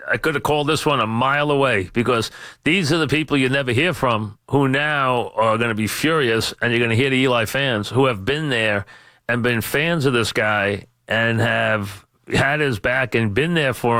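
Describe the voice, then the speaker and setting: A man's voice: medium pitch, moderate pace, a bit bright, no echo. A man hosting sports talk radio on a studio mic, opinionated and emphatic, often answering his own questions. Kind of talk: radio commentary and taking calls. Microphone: studio radio microphone.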